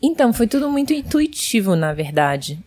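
Expressive Brazilian woman telling a story. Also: fairly high pitch, normal speed. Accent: Brazilian Portuguese. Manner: expressive, acts out voices in her stories. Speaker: guest. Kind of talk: animated storytelling.

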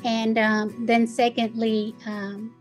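A middle-aged Puerto Rican woman, whose first language is Spanish, recalls her experiences in an interview as a foundation's president and executive director. Her voice is on the high side, slow and flat, earnest and conversational with occasional fillers, over soft background music.

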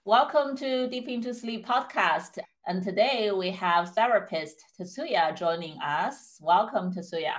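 A woman podcast host with a mid-range voice, speaking in a measured, clear way. She sets up the topic and leads the interview with an explanatory tone. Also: mid-range voice. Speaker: podcast host, clinical psychologist. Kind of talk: scripted podcast intro and interview.

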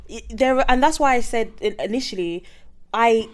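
A woman's voice: on the high side, moderate pace, clear, resonant tone. A woman in a casual panel chat, hesitant, restarting and repeating her words as she explains.

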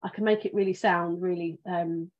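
A woman's voice: lowish voice, fairly even intonation, normal speed. Chatty British woman, slightly muffled. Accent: British, southern English. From England. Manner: chatty, rambling with many ums and restarts. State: sleepy. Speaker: podcast host, financial planner. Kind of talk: casual livestream chat.

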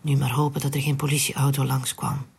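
Gravelly whispered storyteller. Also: medium pitch, little pitch movement, brisk. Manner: hushed, breathy, unvoiced whisper. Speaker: narrator.

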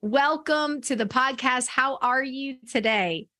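A woman's voice: high-pitched, slow, pushed and bright. Upbeat woman podcast co-host. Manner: upbeat, interviewer framing questions, many fillers. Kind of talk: casual podcast conversation.

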